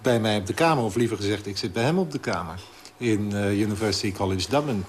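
A man with a lowish voice chats casually and hesitates often as he searches for words. A faint noise runs under him. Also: fast. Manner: hesitant, many fillers. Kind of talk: casual chat.

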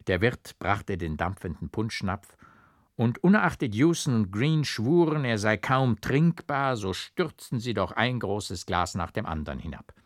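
A man with a low voice reads an old literary tale, shaping each sentence with careful stress and rhythm. The sound is close and dry, with no room around it. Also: unhurried, no room sound. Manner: expressive, rhythmic storytelling. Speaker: audiobook reader. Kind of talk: literary audiobook reading.

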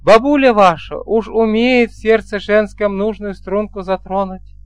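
A man's voice: high-pitched, measured pace, clear, resonant tone, dry recording, voice pushed up. A man voicing a teasing young bride in an audiobook. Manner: light, coaxing, folksy speech.

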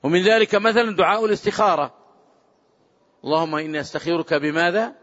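A fairly high-pitched man teaches a religious lesson, his voice trailing into a long hall reverb. The sound is dull and lo-fi, as if from an old lecture tape. He presses his points emphatically and slows down deliberately whenever he quotes a prayer. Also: fairly even intonation. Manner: emphatic, rising to forceful exclamations; measured, drawn-out quoting of prayers. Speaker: Islamic scholar teaching.

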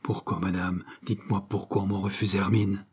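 A man voicing a proud, grieving young man in an audiobook, speaking in a muted, low voice. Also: level tone, a little fast, a little mellow, husky.

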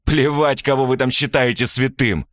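A man voicing a cynical, arrogant young male villain inventor who mocks his captives in a slow, menacing drawl. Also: medium pitch, animated, a bit bright, no echo, studio quality, voice pushed up, lightly acted. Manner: gloating, mocking, drawn-out menacing delivery.

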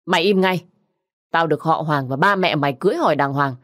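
A woman's voice: low voice, brisk, no room sound, studio quality. A woman voicing a fierce young widow who scolds and threatens sharply. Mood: furious.

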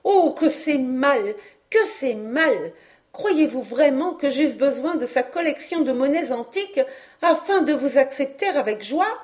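A woman reading an audiobook, voicing a lively, teasing young woman with a playful, laughing manner. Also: high-pitched, a little slow, voice pushed up.

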